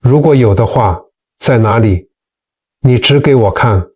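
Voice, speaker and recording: A man's voice: medium pitch, measured pace, a little mellow, slightly rough. Guy reading a blunt short-fused samurai, kinda distant mic. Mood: demanding. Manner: blunt, demanding. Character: hot-tempered male samurai warrior.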